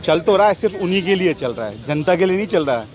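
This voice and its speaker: Passer-by man, high-ish voice, heated, repeats himself. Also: lively intonation, fast talker, a crowd in the background. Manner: angry, repetitive complaints. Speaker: passer-by interviewee.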